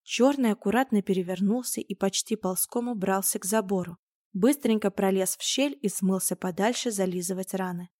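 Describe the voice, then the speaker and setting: A woman narrating a storybook with a steady, expressive reading. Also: mid-range voice, moderate pace, no room sound, clean studio sound. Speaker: audiobook narrator.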